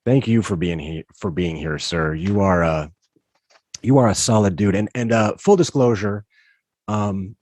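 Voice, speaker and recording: Speaking a little slowly in a lowish, darkish voice with no echo, a man hosts a laid-back interview podcast. His talk rambles, full of fillers and restarts.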